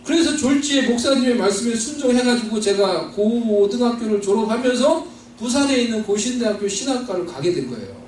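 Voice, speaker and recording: Guy from seoul preaching, kinda high voice, sounds far off and super echoey. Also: expressive, brisk, darkish tone, slight background noise. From Seoul, South Korea. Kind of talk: sermon testimony. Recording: distant mic in echoey hall.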